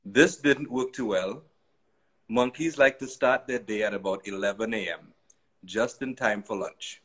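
A man narrating a children's story aloud in an expressive, sing-song way. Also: on the low side, a little slow, breathy edge, poor audio.

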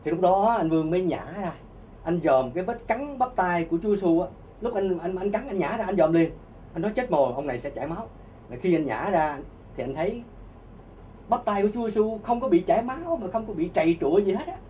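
A man telling a religious testimony to an audience, animated and often repeating words as he searches for them. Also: sits high, a little fast, distant mic, a little hiss or hum. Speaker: speaker giving a religious testimony.

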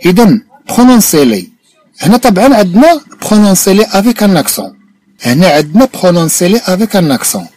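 A Moroccan-accented man teaching a lesson, his voice rising and falling a great deal as he repeats phrases slowly and then explains them. The sound is dry and close, with no room around it. He checks often that his listener is following. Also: sits high, very animated, a little mellow, no room sound. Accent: Moroccan Arabic. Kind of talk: bilingual language lesson, explaining line by line.

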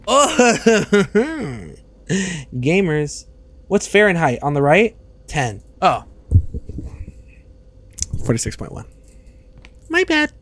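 Young guy streaming a game, kinda high voice, jokey and loud, swears a lot, studio mic. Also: huge pitch swings, extremely slow, long pauses. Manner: joking, loud outbursts, swearing. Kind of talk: casual gameplay commentary. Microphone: studio mic on arm.

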